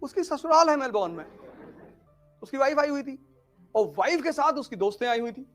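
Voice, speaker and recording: A man giving a humorous motivational talk, telling stories with animated swings between loud and hushed delivery. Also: very high-pitched, a little fast, faint music behind. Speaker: motivational speaker.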